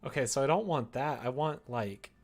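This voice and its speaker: A man with a mid-range voice talks at a normal speed. He's streaming casually while working on a visual novel, playfully and gigglingly thinking aloud to himself.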